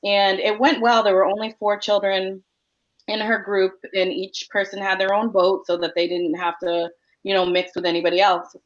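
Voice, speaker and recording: A woman speaking earnestly in a casual discussion, often pausing on "um". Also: medium pitch, flat delivery. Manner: earnest, with frequent "um" pauses. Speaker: parent panelist. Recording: dull lo-fi sound.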